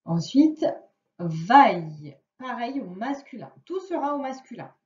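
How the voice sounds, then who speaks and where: A woman teaching a child a reading and spelling lesson, speaking slowly and drawing out each word to dictate. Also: high voice, very animated, warm tone. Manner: slow, careful, drawing out words to dictate. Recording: echoey room, distant mic, dull sound.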